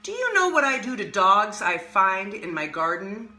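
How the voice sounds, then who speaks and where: A woman voicing a menacing old male magician in a picture book, with a slow, growling, imposing delivery. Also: medium pitch, sing-song, sharp tone, echoey room.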